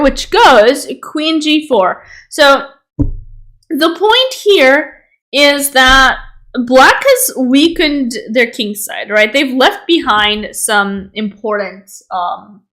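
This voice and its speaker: Woman chess streamer, lively sing-song delivery, slow and unhurried, giggles easily. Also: high voice. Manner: easily amused, breaks into giggles, chatty asides to viewers. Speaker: chess streamer reviewing viewers' games. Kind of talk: casual livestream game analysis.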